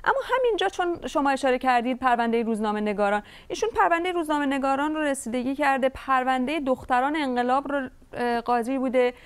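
A woman's voice: sits high, expressive, hardly any pauses, clear, resonant tone. A woman news presenter leading an interview, asking questions in a composed way with brief hesitations. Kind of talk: broadcast interview.

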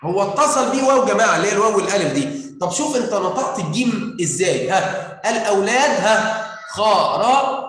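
A man with an Egyptian Arabic accent teaches a grammar lesson, coaxing answers out of his pupils with question after question. His voice sits high for a man. The sound rings with heavy room echo. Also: expressive, fast talker, fairly bright tone. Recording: very echoey room.

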